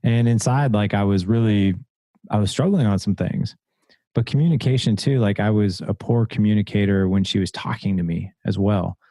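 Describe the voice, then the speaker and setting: A man's voice: fairly low pitch, mellow, dry recording. A middle-aged man, a coach and podcast guest, talking earnestly and repeating his key points. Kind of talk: conversational podcast interview.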